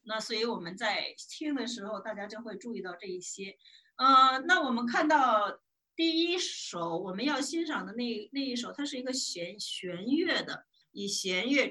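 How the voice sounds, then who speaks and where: A woman's voice: medium pitch, moderate pace, bright, forceful tone. A woman giving a casual spoken music lesson. She hesitates with many fillers and restarts, and hums short bits of melody. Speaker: music appreciation presenter.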